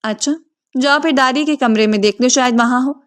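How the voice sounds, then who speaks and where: A woman voicing a caring, gently teasing middle-aged mother in a storybook reading. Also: sits high. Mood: fond.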